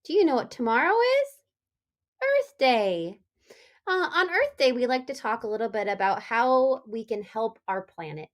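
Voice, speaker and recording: Her voice leans high as this woman, an elementary school teacher, reads a story aloud to young children. She keeps it animated yet deliberate, often stopping to ask them things.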